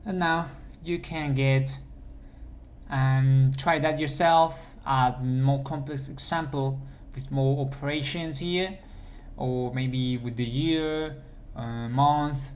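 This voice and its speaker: Male coding instructor, unhurried screencast delivery with a faint hum under the voice. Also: mid-range voice, steady tone. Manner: thinks aloud while typing, with restarts. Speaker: programming instructor. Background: keyboard typing.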